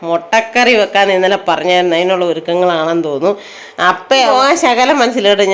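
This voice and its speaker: A middle-aged woman from Kerala with an Idukki Malayalam accent, chatting to her viewers as she does chores around her home and yard. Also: medium pitch. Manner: chatty, tags sentences with "you know". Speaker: home vlogger. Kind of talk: casual chat while doing chores.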